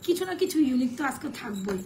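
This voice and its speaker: Hoarse, fast, high-pitched Bangladeshi saleswoman. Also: sing-song, heavy background noise. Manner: chatty, mixes English sales phrases. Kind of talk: live sales stream.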